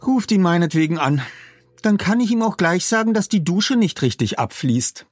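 A man voicing an indignant, sharp-tongued middle-aged woman in an audiobook, speaking haughtily. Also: fairly low pitch, animated, moderate pace, no echo, voice pushed up. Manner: haughty, snappish.

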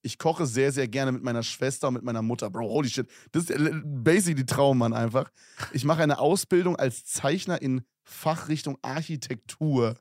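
A man's voice: mid-range voice, normal speed, a little mellow, dry recording, studio quality. A young man co-hosting a casual podcast, reading listener messages aloud with slang and laughs. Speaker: podcast co-host.

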